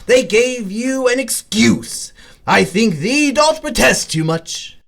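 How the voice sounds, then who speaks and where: A man's voice: very high-pitched, sing-song, slow, gravelly, a bit bright, heavily acted. An actor playing a gleefully sadistic, theatrical clown supervillain in a radio drama, taunting as he speaks. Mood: mock-wounded. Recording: music behind the voice.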